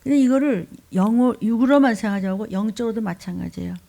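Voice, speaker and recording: A woman's voice: on the high side, quick pace, vocal fry, warm tone. A woman pastor preaching a sermon, scolding and pleading, often dropping into a whisper.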